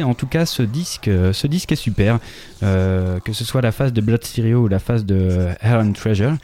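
A man's voice: mid-range voice, dark tone. A man hosting a music radio show, talking casually with many hesitations and self-corrections.

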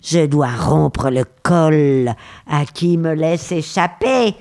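Woman doing a creepy gravelly spirit from a storybook, super slow, keeps repeating its threats. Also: deep voice, darkish tone. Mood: menacing. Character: menacing vengeful male bottle spirit. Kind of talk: storybook reading with voices.

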